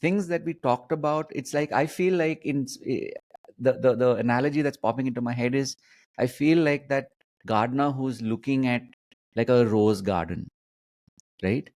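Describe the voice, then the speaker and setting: A man hosting a conversational interview, phrasing things in halting, repeated, emphatic bursts. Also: mid-range voice, darkish tone. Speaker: host, coaching mentor.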